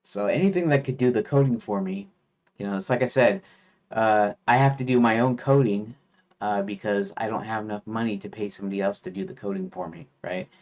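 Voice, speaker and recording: A game developer streams his work, thinking aloud in casual chat with a low, brisk voice. He rambles hesitantly, full of fillers and restarts, and reads chatbot feature lists aloud in a flat mutter.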